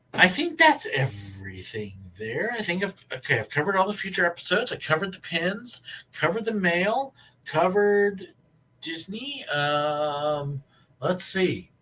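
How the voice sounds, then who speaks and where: A man chatting casually on a livestream as host, wheezy and out of breath, halting as he thinks aloud. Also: a little high, sharp tone, distant mic, a little hiss or hum, rough recording. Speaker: live stream host. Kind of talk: casual rambling livestream chat to viewers.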